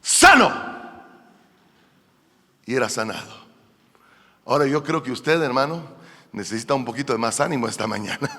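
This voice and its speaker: A man preaching a fervent sermon as pastor in a church, addressing the congregation directly and swinging between quiet asides and loud emphatic calls. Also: mid-range voice, fast talker, long pauses. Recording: long hall reverb.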